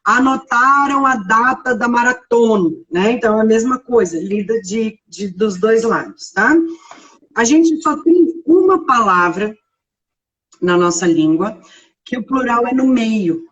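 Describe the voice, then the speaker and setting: A woman's voice: a little high, expressive, a little slow, a bit bright, distant mic, highs cut off. A woman teaching grammar in a live online lesson, explaining step by step and checking in with her listeners often. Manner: explanatory, frequent checking tags.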